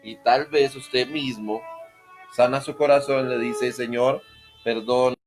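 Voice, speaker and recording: A man's voice: mid-range voice, fairly even intonation, slow, over music. A male pastor giving an informal sermon on prayer. He jokes and puts questions straight to his listeners.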